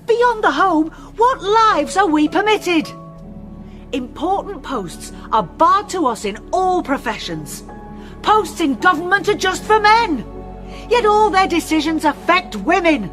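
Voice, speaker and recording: A fiery suffrage leader , played by a woman, declaims to a crowd in a high voice that swoops up and down. Her speech is loud and rousing, and soft music plays beneath her. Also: big pitch swings, a little slow, heavily acted. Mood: rousing, defiant. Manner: orating loudly to a crowd. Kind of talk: historical drama acting.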